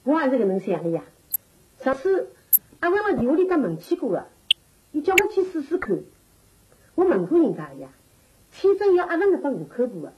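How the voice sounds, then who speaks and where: Older Shanghai-accented grandmother, pragmatic, lively intonation, television drama, noisy worn recording. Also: high voice, a little fast, pauses often. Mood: persuading. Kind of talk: naturalistic television drama dialogue. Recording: dull, noisy old TV tape.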